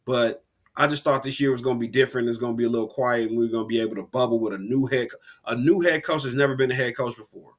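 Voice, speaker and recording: A man co-hosting a casual sports podcast, animated and rambling, with slang and frequent restarts. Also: mid-range voice, fast talker. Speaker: podcast co-host.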